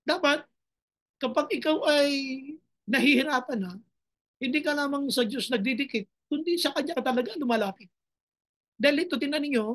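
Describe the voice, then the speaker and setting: A woman's voice: sits high, a bit bright. A woman pastor preaching a sermon with passion. She switches between two languages and breaks into dramatic cries to God.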